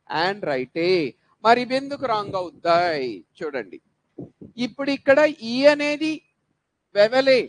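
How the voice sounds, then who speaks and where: A man's voice: very high voice, dry recording, rough recording. A man teaching an English grammar lesson, asking questions and answering them himself and drilling word sounds one by one. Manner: poses rhetorical questions then answers them; drills words by repeating sounds. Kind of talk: classroom-style grammar lesson.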